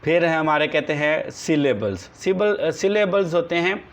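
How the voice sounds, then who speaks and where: A man teaching English grammar. He dictates definitions slowly and then explains them quickly in everyday speech. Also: fairly high pitch, animated. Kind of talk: classroom grammar lesson, mixing Urdu and English.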